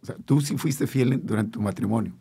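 A man with a gravelly, very raspy voice at a middle pitch. He hosts a casual interview and asks his questions in a friendly, informal way. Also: a little fast, dark tone. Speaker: interview host.

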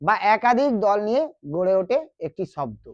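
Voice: mid-range voice, sing-song, normal speed, no echo, dull audio. A teacher with a West Bengal accent explains a grammar lesson, repeating key terms and asking the students questions. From West Bengal, India.

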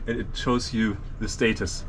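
Technical boat owner explaining gear. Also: male voice, lowish voice, steady tone, normal speed, a bit bright, a little hiss or hum. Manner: technical, explains while pointing at equipment. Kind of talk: explanatory interview answers. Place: cramped engine hatch of a moored catamaran, outdoors.

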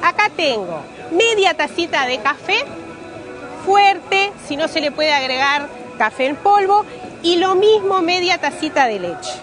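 A woman's voice: very high voice, animated, a little slow. A woman in her forties with a Rioplatense Spanish accent, giving a live cooking demonstration step by step at an outdoor fair stand, repeating key words as she goes. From Uruguay. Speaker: pastry cook. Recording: music playing behind, outdoors.

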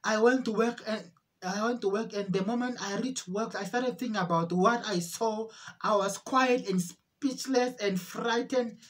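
A woman with a fairly high voice gives an emotional religious testimony. She repeats phrases over and over, pleading, and her voice climbs into cries as she stumbles through restarts. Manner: repetitive, pleading, voice rising into cries; halting, with restarts. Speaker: testimony speaker.

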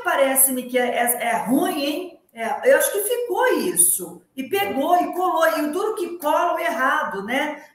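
A woman's voice: sits high, heavy reverb. A Brazilian woman hosting a talk show, explaining Portuguese grammar in an emphatic, didactic way with frequent restarts and laughter.

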